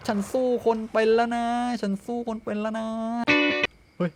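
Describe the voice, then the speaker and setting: A young man streaming a dinosaur survival game, yelping in panic when chased and muttering low when sneaking. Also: little pitch movement, normal speed, over music. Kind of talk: excited gameplay commentary.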